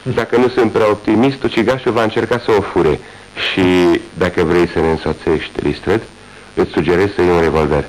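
An actor playing Sherlock Holmes in a radio drama, speaking with calm confidence and light irony. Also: male voice, sits low, a little hiss or hum, lightly acted, low-quality recording. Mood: calm, assured. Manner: confident, measured, lightly ironic. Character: Sherlock Holmes, sharp, calm middle-aged male detective. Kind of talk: 1980s radio drama acting.

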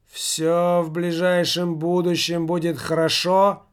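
A man voicing a solemn, commanding male séance medium who speaks in a droning, detached monotone. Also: a little high, slow pace, smooth, pitched above the performer's own voice. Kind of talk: audiobook character voice.

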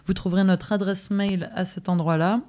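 A woman, an activist guest on community radio, reading a text aloud in a steady, deliberate way. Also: mid-range voice.

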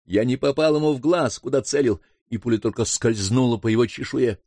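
A man reading a first-person adventure novel aloud in a steady storytelling manner. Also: medium pitch, fairly quick, dry recording. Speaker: audiobook narrator.

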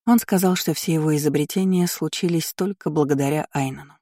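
An audiobook narrator reading a novel in an even, measured storytelling voice into a close mic. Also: medium pitch, dry recording. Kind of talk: scripted narration.

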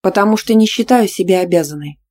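A woman voicing a jealous, hot-tempered young student who snaps back in sharp retorts. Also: mid-range voice, fast, natural voice. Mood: snapping.

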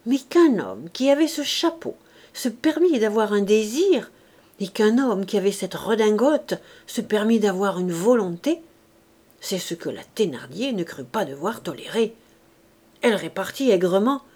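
A woman reading a classic novel aloud as an audiobook narrator, measured and careful. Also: mid-range voice, expressive, warm tone. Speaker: audiobook reader. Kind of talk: scripted narration.

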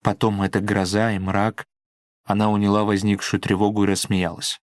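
Male audiobook reader, low voice, dry sound, dramatic. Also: monotone, dry recording. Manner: measured, dramatic reading. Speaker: narrator. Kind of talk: audiobook narration.

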